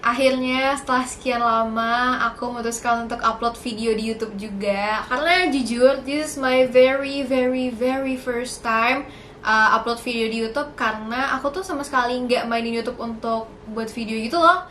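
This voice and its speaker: Young woman, fairly high voice, chatty and a bit nervous, casual vlog, echoey room, faint background hum. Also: moderate pace, fairly bright tone. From Indonesia. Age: young adult. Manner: chatty, slightly nervous, mixing in English words. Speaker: YouTuber.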